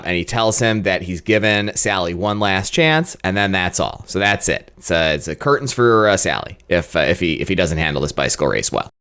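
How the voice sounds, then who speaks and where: A man's voice: lowish voice, a bit bright, smooth. A man co-hosting a film podcast, recapping scenes in casual chat with dry exasperation. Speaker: podcast co-host.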